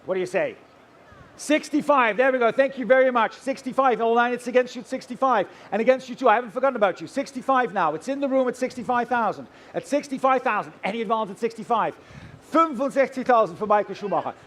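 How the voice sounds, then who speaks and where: High-pitched male auctioneer calling bids. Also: fast, a bit bright. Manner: chanting rising numbers, addressing bidders directly, theatrical.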